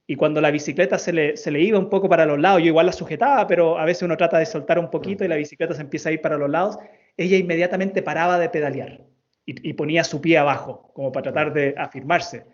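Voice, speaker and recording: A man in his thirties, a storytelling coach appearing as an interview guest, earnestly tells a personal story at a quick pace. His voice is fairly high, and he repeats words for emphasis. The sound is dull and lo-fi.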